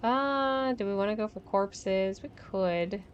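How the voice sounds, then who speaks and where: Slow, chatty woman streamer. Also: mid-range voice, lo-fi sound. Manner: chatty, thinks aloud, laughs often. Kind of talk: casual gameplay commentary.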